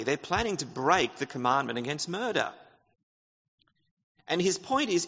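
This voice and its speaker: Gravelly preacher in an echoey church. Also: male voice, a little high, fairly bright tone. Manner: earnest, explanatory preaching with rhetorical questions. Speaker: pastor. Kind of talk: sermon. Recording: church hall reverb, dull lo-fi sound.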